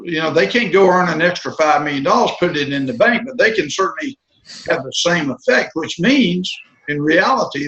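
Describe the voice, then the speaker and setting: A man on an online business call, musing and halting with repeated words. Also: a little high, fairly bright tone. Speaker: webinar participant. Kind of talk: casual online meeting talk. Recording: roomy call audio.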